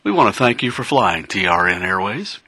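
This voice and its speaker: A man's voice: lowish voice, sing-song, moderate pace, bright, forceful tone, breathy edge, no room sound, exaggerated voice. A man voicing an airline captain making an in-flight announcement to passengers in a scripted promo. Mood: polished, announcing. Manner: polished in-flight announcement delivery. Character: smooth adult male airline captain addressing passengers.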